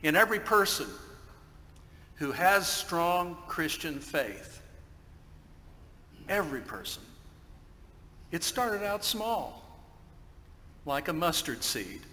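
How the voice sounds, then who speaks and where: A male pastor giving a sermon in a church, telling a story in a slow, deliberate way. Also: a little high, very animated, sharp tone, a little hiss or hum. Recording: long church reverb.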